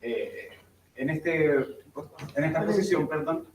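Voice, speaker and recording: A man's voice: fairly high pitch, lively intonation, takes it slowly. A man with a Chilean accent, a teacher, asking a polite question to a lecturer with hesitant fillers. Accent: Chilean Spanish. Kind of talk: audience question. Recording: echoey room, speaker far from mic, faint noise.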